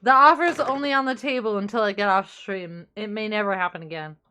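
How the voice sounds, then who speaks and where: A woman's voice: mid-range voice, a little fast, pushed and bright, smooth. A woman hosting a livestream in casual chat, crude and mock-serious as she jokes. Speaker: livestream host.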